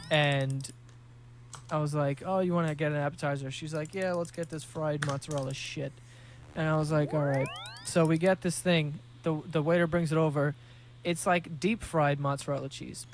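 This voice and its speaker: Young new dude on his podcast, swearing a lot, jokey rambling stories, kinda high voice. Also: a little hiss or hum. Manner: profane, rambling, jokey storytelling. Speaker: podcast host. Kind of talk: casual podcast monologue.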